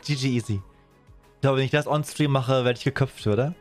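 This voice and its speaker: Male streamer, thirties, mid-pitched, casual live gaming chat over faint music. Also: fairly quick. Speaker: game streamer. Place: small indoor streaming room.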